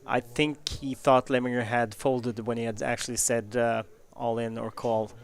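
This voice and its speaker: A man's voice: mid-range voice, little pitch movement, moderate pace, vocal fry. A man giving play-by-play commentary on a live poker tournament.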